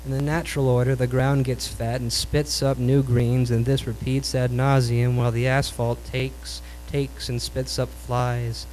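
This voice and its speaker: A man performing his own poems at a live reading in a cool, measured Beat style, like a beatnik poet. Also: medium pitch, little pitch movement, darkish tone. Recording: noisy live recording with hum.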